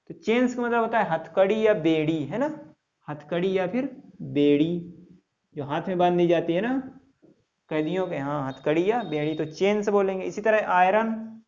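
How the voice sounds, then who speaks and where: A man's voice: high-pitched, a little mellow, lo-fi sound. A male English teacher giving a classroom lesson, spelling words letter by letter and repeating each answer in call-and-response.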